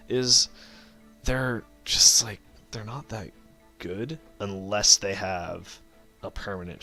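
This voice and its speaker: A man with a low voice full of gravelly fry, giving loose let's play commentary. His tone is bright and forceful as he rambles, corrects himself mid-sentence and swears offhand. Faint game music sits behind him. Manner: thinks aloud, rambling and self-correcting, swears casually. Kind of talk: casual gameplay commentary.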